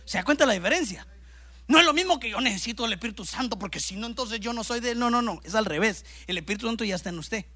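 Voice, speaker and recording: A man preaching a sermon as pastor to a congregation in a church service. He is animated, swinging between loud bursts and hushed asides, and keeps calling his listeners brother. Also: sits high, quick pace.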